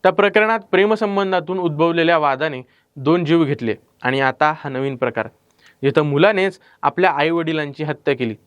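A man's voice: on the high side, moderate pace, clean tone, no echo, dull audio. A young man with a Marathi accent narrating a crime news report as presenter, with a dramatic storytelling delivery and rhetorical questions. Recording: clean dry studio voice-over.

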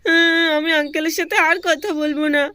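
A woman's voice: very high-pitched, little pitch movement, fairly quick, pushed and bright, dry recording, clean studio sound. A woman voicing a sulky little girl in a cartoon doll story, whiny and sobbing. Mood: crying.

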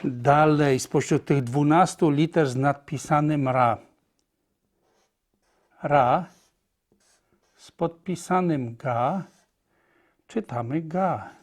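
Man, language teacher, slow and patient, slightly high voice, repeats points. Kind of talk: slow explanatory lesson.

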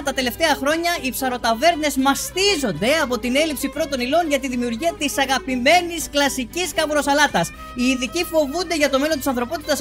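A man playing an overeager TV news anchor with a rushed, mock-formal newsreader delivery, in a parody bulletin. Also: very high-pitched, pushed and bright, pitched above the performer's own voice.

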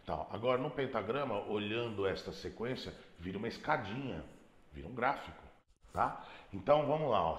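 A man's voice: fairly low pitch, fairly bright tone, reverberant. A man teaching a beginner piano lesson, explaining patiently and singing out note names as he plays. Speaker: music teacher.

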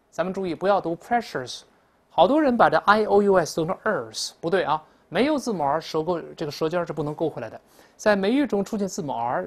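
A woman teaching English in a classroom lecture, explaining answers and leading repeat-after-me pronunciation drills. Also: on the low side.

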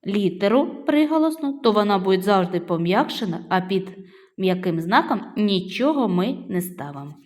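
Slow patient teacher woman in echoey room. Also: mid-range voice, a little mellow. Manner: slow, patient, drawn-out word sounding. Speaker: primary school teacher. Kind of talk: phonics lesson for young children. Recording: echoey room with long reverb.

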